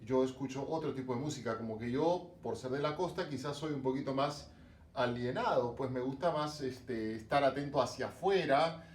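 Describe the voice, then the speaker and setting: Speaking Peruvian Spanish with a Lima accent, a religion teacher from the Peruvian coast delivers an online class to students, peppering it with rhetorical questions and fillers. He has a medium pitch and normal speed. The audio sounds roomy, far from the mic, with a little hiss or hum.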